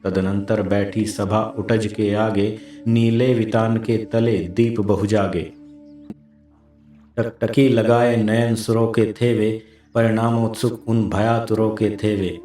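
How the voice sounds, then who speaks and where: Slow, dark-voiced man reciting verse. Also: fairly low pitch, little pitch movement, roomy sound, soft background music. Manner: solemn measured delivery. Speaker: poetry reciter.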